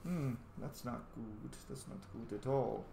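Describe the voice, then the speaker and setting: A gamer mutters and thinks aloud while playing a role-playing game on camera or stream, mixing casual commentary with reading out dialogue choices. His medium-pitched voice is a little slow with vocal fry, and the recording has a roomy echo and faint background noise.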